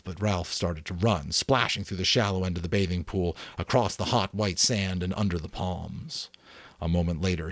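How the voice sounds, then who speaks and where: A deep, creaky, fairly bright male voice, recorded without echo, gives a dramatic audiobook reading of a novel. The amateur voice actor occasionally stumbles, rereads lines, and breaks off to redo takes.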